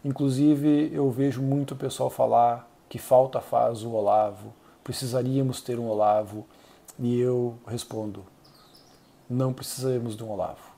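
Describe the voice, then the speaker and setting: A Brazilian man hosting a channel, giving earnest, measured solo commentary with frequent hesitations. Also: medium pitch, steady tone, vocal fry, warm tone. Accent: Brazilian Portuguese. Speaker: channel host reviewing an essay.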